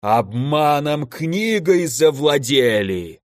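A man voicing a huge, furious male fire elemental who roars slowly and heavily in a storybook reading. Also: fairly high pitch, big pitch swings, dry recording, clean studio sound. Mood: enraged. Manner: slow roaring bellow.

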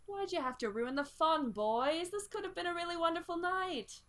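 Woman putting on a smug male butler villain, mocking, unbothered, bright voice, tabletop game. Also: very high-pitched, normal speed, voice pushed up.

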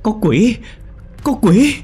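A man's voice: on the low side, expressive, normal speed, slightly rough, soft background music. A man voicing a frightened young woman who stutters and cries out in panic. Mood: terrified. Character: terrified young woman, stammering.

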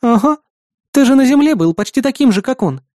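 Man putting on a sly teasing young woman, lively, dry close sound. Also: very high voice, brisk, no room sound, pitched above the performer's own voice. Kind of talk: audiobook character voice.

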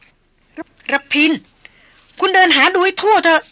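A woman's voice: extremely slow, sharp tone, exaggerated voice. A woman voicing a frantic young noblewoman who cries out shrilly in disbelief. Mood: frantic shrill. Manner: shrill, near screaming.

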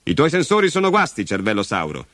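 A man's voice: on the high side, slow, bright, forceful tone, no echo, clean studio sound, pitched above the performer's own voice, exaggerated voice. A man voicing a brusque, commanding father who works as a mining engineer, in a storybook reading. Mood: dismissive. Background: music.

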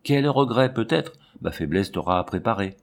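A man giving voice to a tender, hesitant woman, torn by scruples and sighing between words. the voice stays fairly low and unforced, like a storybook reading rather than full acting. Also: animated, normal speed. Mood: regretful.

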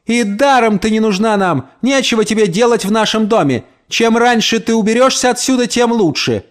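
A man voicing a spiteful, shrieking old landlady in an audiobook, ranting with shrill accusations. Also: completely flat delivery, very fast, darkish tone, natural voice. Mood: screaming. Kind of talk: audiobook character voice.

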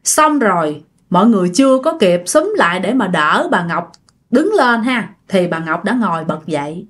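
A woman's voice: medium pitch, very animated, normal speed. A woman narrating a ghost story and chatting directly to her listeners.

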